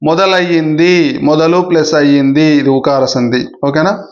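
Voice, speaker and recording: Man, teacher, fairly high voice, repeats himself, muffled lo-fi recording. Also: fairly even intonation, a little slow. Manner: repetitive, asks "okay?" often. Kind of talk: exam-prep grammar lesson.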